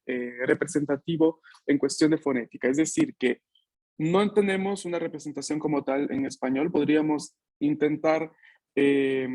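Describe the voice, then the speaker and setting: A man with a slightly high voice teaches an online language lesson over a video call from home. He is patient and keeps checking in with short questions. He drills his class with repeat-after-me sounds. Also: darkish tone. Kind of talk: online Italian lesson for Spanish speakers.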